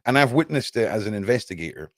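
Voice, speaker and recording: A man hosting a casual live discussion, explaining his points haltingly with repeated words. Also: on the low side, lively intonation, no echo, clean studio sound.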